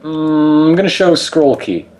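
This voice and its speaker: A man's voice: on the high side, lively intonation, unhurried, darkish tone, a little hiss or hum. A man playing a tabletop game, talking casually as he makes his moves and banters in character.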